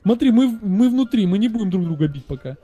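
Very high-voiced man chatting while gaming. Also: quick pace, faint music behind. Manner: animated running reactions, slangy, giggly. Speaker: gamer playing alongside a friend. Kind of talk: casual gameplay chat.

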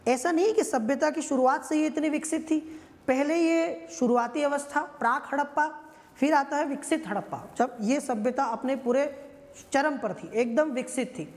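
A woman with a high-pitched voice gives an exam-prep history lecture. She explains in a conversational way and keeps checking in with her listeners. Her voice carries a long, ringing reverb. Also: normal speed, a little mellow. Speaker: history teacher.

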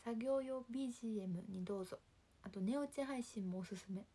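A young woman with a Kansai accent, chatting casually on a livestream and reading viewer comments in a soft, calm voice that often drops near a whisper. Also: fairly high pitch, brisk, husky. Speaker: livestream host. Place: home.

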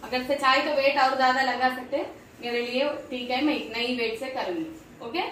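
A woman's voice: high-pitched, fairly quick, distant mic, noisy background. A woman in her thirties, a fitness vlogger, chatting to viewers as she shows workouts on a home gym machine, talking to them directly and cheerfully. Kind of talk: casual workout demonstration. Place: small home gym room, indoors. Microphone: camera at a distance. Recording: very echoey room, voice from afar.

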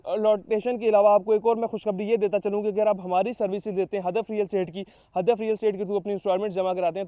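Fast-talking young man selling plots. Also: warm tone, no room sound. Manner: persuasive sales pitch with frequent fillers. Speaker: real estate agent. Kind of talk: promotional site-visit talk to camera. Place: outdoors beside a construction site.

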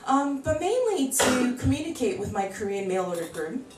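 Animated American woman doing stand-up. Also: high-pitched, moderate pace, loud music behind the voice. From United States. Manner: chatty, animated, acts out voices in quotes. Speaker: stand-up comedian. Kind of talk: stand-up comedy set. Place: small bar comedy club, indoors. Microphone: handheld mic, filmed from far camera. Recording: echoey room from far off.

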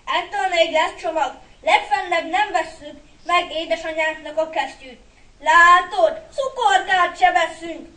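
A woman's voice: extremely high pitch, pushed and bright. A woman reading a story aloud and voicing a hot-tempered older boy who snaps and bosses his little brother. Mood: coaxing. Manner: snapping, bossy. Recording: echoey hall from far off.

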